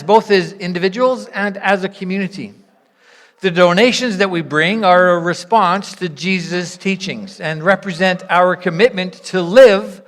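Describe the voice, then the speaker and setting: A slightly bright, mid-range voice belongs to a church leader who encourages, invites and explains while giving a congregation instructions and reflection. It is a church gathering in a large room that reverberates, and the recording carries that echoing hall sound.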